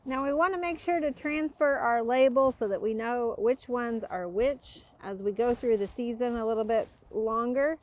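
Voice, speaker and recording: Woman, high voice, friendly explainer, gardening show host. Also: normal speed, hardly any pauses. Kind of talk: instructional gardening talk and interview.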